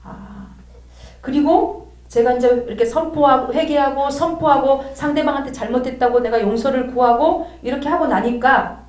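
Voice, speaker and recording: A woman gives a church lecture with lively storytelling, acting out the dialogue as she goes. Her voice sits a little high. It is caught from a distance in an echoey room. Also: moderate pace. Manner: animated storytelling, acts out quoted dialogue. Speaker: theology lecturer. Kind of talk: church lecture with personal example. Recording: roomy, distant mic.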